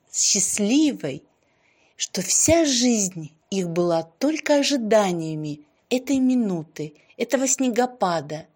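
Woman narrator, gentle expressive storybook reading, hushed and drawn-out at quiet moments, medium pitch.

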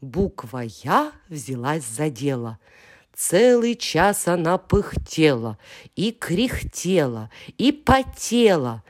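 A woman reciting a children's poem in an expressive, playful storytelling manner. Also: low-pitched, slow. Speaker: reader.

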